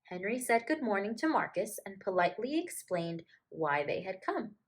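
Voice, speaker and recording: A woman teacher reads aloud from a storybook at a moderate pace, her medium-pitched voice swinging widely in pitch. She addresses the little ones gently, with encouragement and simple phrasing.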